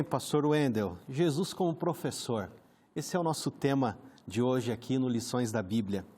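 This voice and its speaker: Hosting a conversational Bible study program, a man with a Brazilian Portuguese accent speaks in a mid-range, dark-toned voice. He comes across as friendly and frequently adds brief words of agreement.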